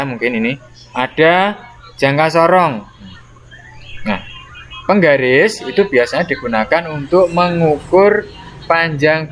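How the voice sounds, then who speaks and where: A man's voice: fairly high pitch, a bit bright, slight background noise. A man explaining a primary-school lesson to young children, patiently and with frequent "nah" and "ya" tags. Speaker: teacher.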